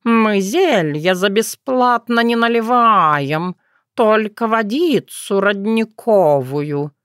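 A woman's voice: mid-range voice, expressive, takes it slowly, fairly bright tone, smooth, dry recording, studio quality, voice pushed up. A woman doing a drawling, purring cat. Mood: sly. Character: sly talking male cat. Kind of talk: audiobook character voice.

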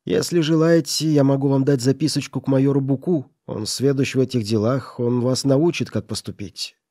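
A flustered office chief, as a male narrator puts him on, hedging and evasive, his voice a touch raised. The timbre is mellow and the recording dry. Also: medium pitch, steady tone, normal speed, dry recording, natural voice.

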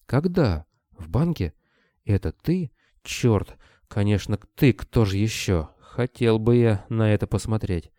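A man voicing a worried, wary bearded man who talks anxiously and gets excitable. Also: fairly low pitch, unhurried, dry recording, clean studio sound, voice pushed up.

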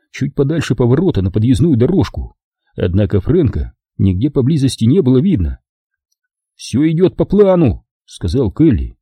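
A man reading an audiobook aloud with lively storytelling narration. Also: fairly low pitch, slightly rough, no room sound, clean studio sound. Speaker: audiobook reader. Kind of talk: scripted narration.

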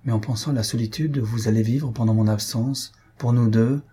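A man voicing a devoted young baron who speaks gently and earnestly. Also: mid-range voice, steady tone, a little fast, breathy edge, close to an everyday voice. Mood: tender.

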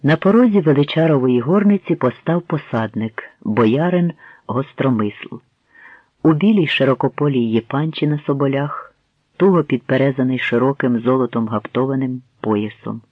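A man narrating a historical tale in measured storytelling fashion, as an audiobook reader, on a tinny, dry recording. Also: mid-range voice, no room sound. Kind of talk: scripted narration. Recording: tinny phone-like dry sound.

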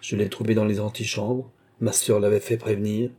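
A grave, modest young soldier, as a male reader plays him, speaking in a restrained, earnest way. The voice is very dark and mellow, with a husky edge. It sounds like a scene from a classic novel read aloud. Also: on the low side, flat delivery, moderate pace. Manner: restrained, serious.

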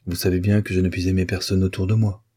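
A man's voice: low-pitched, level tone, fast, warm tone, husky. A man reading an audiobook, voicing an impetuous young male violinist who answers with vehement, disdainful outbursts. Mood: pleading.

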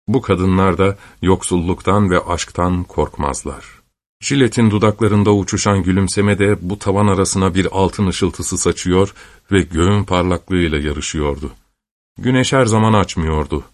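A male narrator with a fairly low voice reads a classic novel in measured, even storytelling tones. The recording is close and dry, with no room sound. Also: dry recording. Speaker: audiobook narrator. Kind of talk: scripted narration.

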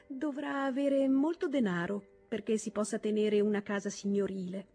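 A woman's voice: mid-range voice, moderate pace, warm tone, faint music behind, close to an everyday voice. A woman voicing an eager, earnest young girl of a merchant family in an audiobook reading. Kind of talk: audiobook character voice.

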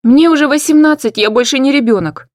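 A woman reading an audiobook, voicing a defiant eighteen-year-old girl who shouts at her parents. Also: high-pitched, brisk, no room sound, clean studio sound, pitched above the performer's own voice, natural voice. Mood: furious shouting. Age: teens.

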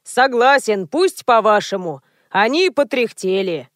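A woman reading aloud and voicing a young male store manager who explains things slowly and defensively. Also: a little high, expressive, dry recording, studio quality. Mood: officious.

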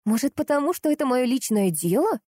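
A woman's voice: on the high side, big pitch swings, moderate pace, dark tone, no room sound, clean studio sound, voice pushed up. A woman voicing a defensive young woman who grumbles and answers with sarcasm. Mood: irritated.

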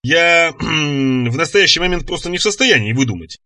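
A man's voice: fairly high pitch, lively intonation, normal speed, pushed and bright, dry recording. A man voicing a fussy, nervous middle-aged scholar who talks pedantically and hesitantly.

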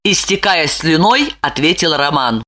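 A woman narrating an audiobook in an expressive way. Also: low-pitched, unhurried. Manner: expressive, lively.

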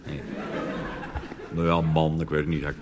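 On stage in a reverberant hall full of audience noise, a Dutch cabaret comedian performs a stand-up monologue. He has a bass voice at normal speed, delivers punchlines deadpan and leaps into animated put-on voices.

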